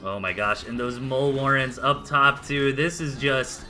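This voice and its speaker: Southern us guy casting a game live, chatty, wanders into side talk, sharp bright voice. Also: medium pitch, moderate pace, faint music behind. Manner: chatty play-by-play, drifts into asides. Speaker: esports caster.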